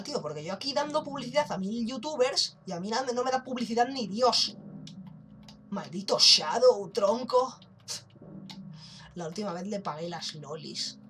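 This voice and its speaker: A man's voice: high voice, background noise. A young man with a Spain Spanish accent, chatting and joking casually while commenting on his gameplay, with the odd swear. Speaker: gaming YouTuber. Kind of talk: let's play commentary. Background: game music.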